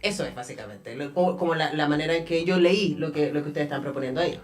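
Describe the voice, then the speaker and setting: A woman's voice: low-pitched, fast, faint music behind. A woman with a Chilean accent hosting a radio interview in a studio, speaking conversationally and thinking aloud with small fillers. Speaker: radio host.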